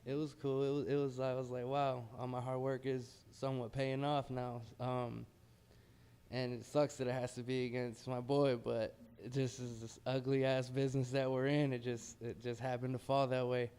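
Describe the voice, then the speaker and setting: A man's voice: medium pitch, level tone, moderate pace, darkish tone, smooth. An American man, a heavyweight boxer, talking casually and modestly in a pre-fight interview.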